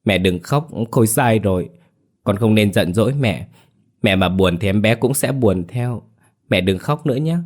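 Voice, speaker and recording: A man's voice: lowish voice, expressive, moderate pace. Man doing a childlike, whiny grown son. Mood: pleading. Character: simple-minded grown man, childlike and sulky.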